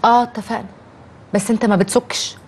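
Brief: a coaxing young Egyptian wife, breathy tone, rapid delivery. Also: female voice, on the high side, fairly even intonation. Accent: Egyptian Arabic. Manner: chatty, coaxing.

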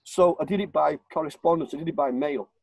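On a home video call, a guest speaks from his living room through a webcam: an older man from Warrington with a northern English accent. He talks at a quick pace in a highish voice with vocal fry and a breathy edge, pressing his points emphatically and repeating them. The recording is dry and rough.

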